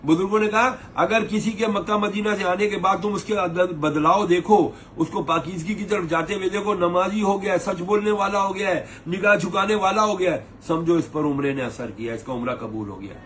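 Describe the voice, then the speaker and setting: High-voiced scolding man giving pilgrimage advice. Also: few pauses, a bit bright, slight background noise. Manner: scolding, preachy, mimics complaining pilgrims. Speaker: umrah tour operator giving advice. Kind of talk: advice talk to camera.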